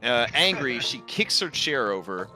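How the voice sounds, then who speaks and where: Male game master, bright and lively, improvised tabletop narration. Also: mid-range voice, a little slow, faint music behind.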